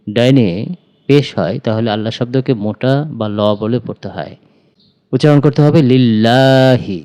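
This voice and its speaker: A man with a Bangladeshi Bengali accent teaching Quran recitation, spelling out syllables and drawing out each word slowly. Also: medium pitch, darkish tone, clean tone. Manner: measured, drawn-out recitation of syllables. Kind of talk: slow spelling and recitation lesson.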